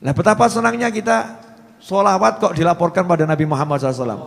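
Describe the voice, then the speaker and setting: A man with a Javanese accent preaching a lively sermon, joking and teasing his audience. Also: high-pitched, very fast, gravelly. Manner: jokey, teasing the audience, mixing in Javanese phrases. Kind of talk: lively sermon with sung salawat. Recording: long hall reverb, faint ambience.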